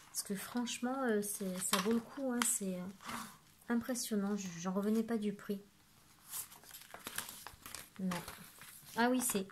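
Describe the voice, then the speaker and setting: A woman's voice: mid-range voice, darkish tone, a little hiss or hum. Chatty woman, rambling haul. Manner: chatty, rambling with frequent fillers and "voilà". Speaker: craft vlogger. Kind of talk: casual haul video. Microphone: phone camera.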